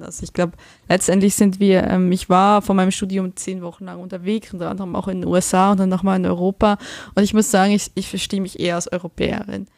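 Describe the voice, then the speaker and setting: A woman's voice: mid-range voice, darkish tone, dry recording, clean studio sound. A young woman, chatting as a guest and animatedly acting out the people she quotes. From Switzerland. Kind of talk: casual conversation.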